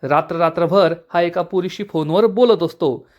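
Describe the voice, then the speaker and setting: A practical young sister-in-law talks through her plan, voiced by a man telling a TV serial story. The voice stays high and plain, like the storyteller's own. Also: moderate pace, lo-fi sound, natural voice. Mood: plotting.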